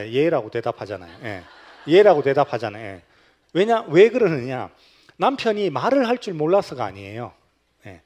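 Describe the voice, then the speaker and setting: A male pastor with a Gyeongsang accent giving a humorous, animated lecture at a church retreat. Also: mid-range voice. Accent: Gyeongsang Korean. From Gyeongsang region, South Korea. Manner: animated and humorous, acting out quoted lines.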